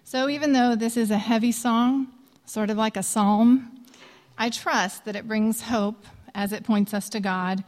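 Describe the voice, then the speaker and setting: A woman in her thirties who grew up in Indonesia, earnestly and gently introducing a worship song she wrote. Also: fairly high pitch, fairly even intonation, measured pace. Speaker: songwriter. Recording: long reverb with soft music behind.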